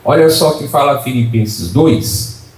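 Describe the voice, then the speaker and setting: A man's voice: medium pitch, expressive, a little slow. A male pastor preaching to a congregation, firing rhetorical questions, asking for "amém" and joking with the listeners. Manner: jokey asides to the congregation. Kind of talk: preaching a sermon. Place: church before a congregation. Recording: roomy hall, mic at a distance.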